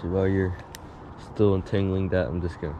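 Low-voiced man muttering while fishing. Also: fairly quick. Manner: relaxed, mutters to himself while casting. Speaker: angler filming his fishing trip. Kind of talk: casual running commentary. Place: grassy pond bank outdoors. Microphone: body-worn action camera. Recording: outdoor action-cam audio with clear background noise.

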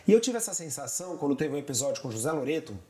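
A man in his forties chats as a guest, spilling out stories at a breakneck clip. His phrases run together as he jumps from one anecdote to the next. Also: fairly high pitch. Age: 40s. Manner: animated storyteller, rapid run-on phrasing. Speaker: guest, television director. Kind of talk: casual conversation.

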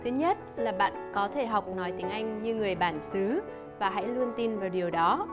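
A woman teaching a lesson, explaining in a clear, measured way and demonstrating example phrases. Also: medium pitch, over music. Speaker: English teacher. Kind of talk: scripted lesson narration.

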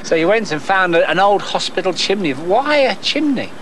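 Lively, playful male TV reporter. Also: sits high, moderate pace, slight background noise, rough recording. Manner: lively, playful, rhythmic delivery. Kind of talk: news feature narration and interviewing.

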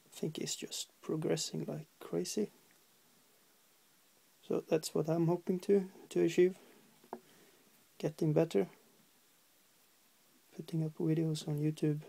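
This Norwegian man has a slightly high, level, warm voice with vocal fry and a Norwegian accent. A hobby painter at his desk indoors, he guides a miniature painting tutorial in a halting, hesitant way, with lots of fillers and humming while he paints.

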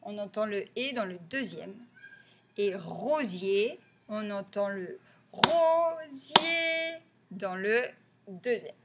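Slow, patient French teacher woman. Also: medium pitch, heavy background noise. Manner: slow, patient, repeats each word clearly and stresses sounds. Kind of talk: early reading lesson for young children.

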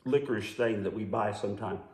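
A man's voice: lowish voice, a little fast, background noise. A man co-hosting a casual taste-testing vlog, joking and rambling as he hunts for words. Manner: jokey, rambling, searches for words. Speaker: vlog co-host. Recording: echoey room.

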